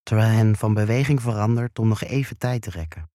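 A man reading a first-person erotic story aloud in a slow, hushed, intimate way. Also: on the low side, dry recording, studio quality. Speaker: narrator.

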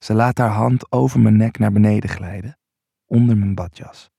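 A man narrating an intimate first-person erotic story in a low, unhurried voice. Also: steady tone, vocal fry, mellow, slightly rough, no echo, clean studio sound.

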